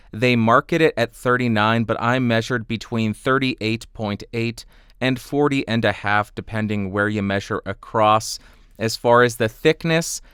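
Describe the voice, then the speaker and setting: Smooth-voiced man reviewing a watch. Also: mid-range voice, a bit bright, dry recording, clean studio sound. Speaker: watch review channel host. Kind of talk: scripted product review. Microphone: studio condenser mic.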